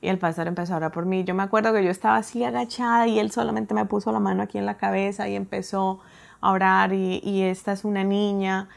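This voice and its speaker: A woman telling a personal story in a casual, animated way, acting out her own reactions. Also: mid-range voice, fast talker, creaky. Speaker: guest telling her testimony.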